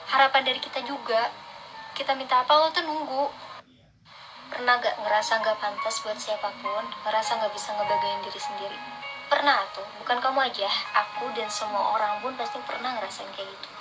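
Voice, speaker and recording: A young adult woman with a soft r that slurs toward w, reading out motivational religious lines and commenting on them in an earnest, encouraging, casual way. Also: fairly high pitch, steady tone, fairly quick, low-quality recording. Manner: slurred r sounds, close to w. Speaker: vlogger. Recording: instrumental music behind the voice. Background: instrumental music.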